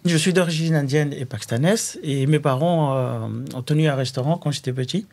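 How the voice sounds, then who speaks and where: A man who founded a food brand, answering an interview question haltingly and leaning on fillers. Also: on the high side, darkish tone. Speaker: food entrepreneur guest.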